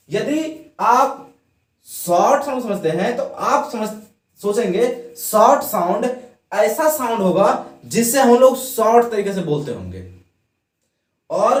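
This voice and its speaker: A man teaching an English grammar lesson, talking slowly in a high voice that swoops up and down. He asks questions and answers them himself. The sound is roomy and a little distant from the mic. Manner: explains by asking the students questions and then answering them; has the class repeat words after him. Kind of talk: classroom lesson.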